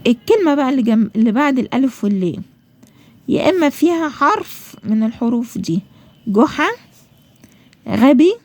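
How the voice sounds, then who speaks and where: A woman's voice: on the high side, expressive, fast talker, a little mellow. A woman with an Egyptian accent teaching a school lesson, asking and answering her own questions and drawing out example words.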